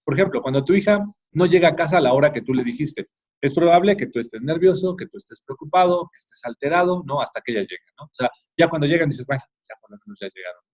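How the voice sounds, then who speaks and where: Speaking fast and with animated intonation, a middle-aged man gives parents an informal talk for a parenting course, frequently ending on a questioning tag and restarting. His voice is a little high and a little mellow, and the recording is dull and lo-fi.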